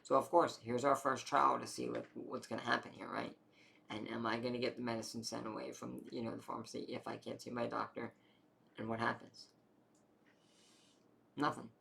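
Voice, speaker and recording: A man's voice: mid-range voice, little pitch movement, moderate pace, vocal fry, sharp tone, a little hiss or hum. A young man casually telling his own story in a rambling way, full of fillers and the odd swear word.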